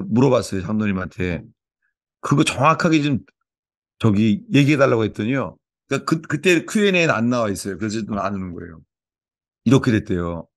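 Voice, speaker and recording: Chatty storytelling Korean pastor, dry sound. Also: male voice, medium pitch, no echo. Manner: chatty storytelling, repeats phrases, stumbles and restarts. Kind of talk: informal sermon and sharing time.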